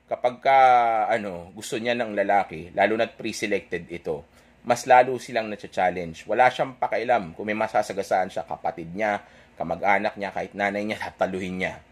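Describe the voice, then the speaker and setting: A young man telling an audience a dating story in a casual, rambling way, correcting himself and checking in with "okay?" after nearly every point. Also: lowish voice. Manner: chatty, rambling, self-correcting.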